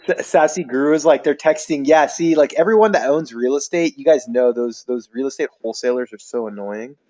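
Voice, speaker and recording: A man's voice: mid-range voice, brisk, darkish tone. A man hosting a livestream, chatting casually and reading viewer comments aloud. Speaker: livestream host.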